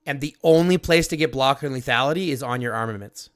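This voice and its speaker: A man's voice: mid-range voice, quick pace, no echo, studio quality. A man hosting a livestream, coaching a player on game stats in an emphatic, profane, step-by-step way. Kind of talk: casual livestream chat.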